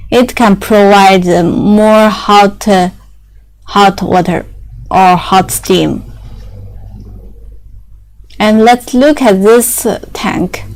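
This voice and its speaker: The recording is low quality, but her tone is clean: a young woman whose first language is Chinese, medium-pitched and a little mellow, describes factory machinery. Her English is halting, with many fillers and restarts.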